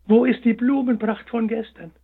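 A man voicing a small, lonely young male hare in a storybook, earnest and pleading, with a husky voice on a tinny line. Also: sits high, animated, measured pace, pitched above the performer's own voice, heavily acted. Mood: distraught. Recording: tinny phone-like sound.

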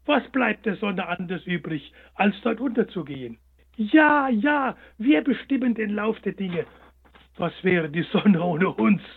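A chorus of arrogant sunflowers from a storybook, scornful and boastful, as a man puts them on. The voice is raised high with a husky grain. It sounds tinny, like a phone line. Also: very animated, measured pace, full character voice.

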